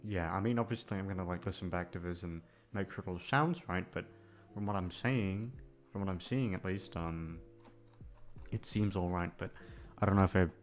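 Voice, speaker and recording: This deep-voiced man talks at a normal speed, a little back from his microphone, as soft guitar plays. An ASMR voice actor and channel host, he chats casually with listeners in a hesitant, rambling, self-deprecating way, swearing freely.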